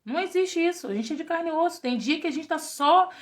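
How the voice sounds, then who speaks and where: A woman's voice: very high-pitched, expressive, fast. A middle-aged woman giving an informal devotional talk to women, conversational, often checking in with her listeners. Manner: conversational, keeps asking "né?" and addressing "meninas". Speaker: women's ministry preacher.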